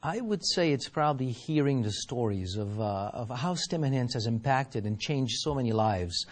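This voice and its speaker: Male science officer, medium pitch, formal and explanatory, answering as an interview guest. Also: animated, moderate pace.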